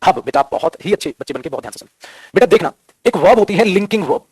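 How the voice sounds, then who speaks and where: Man, grammar tutor; rapid, husky, drills points by repetition and rhetorical questions. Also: sits high, lively intonation, darkish tone, dry recording. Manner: addresses students as beta, repeats key phrases, asks and answers his own questions. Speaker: English grammar teacher. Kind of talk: classroom grammar lesson in Hindi.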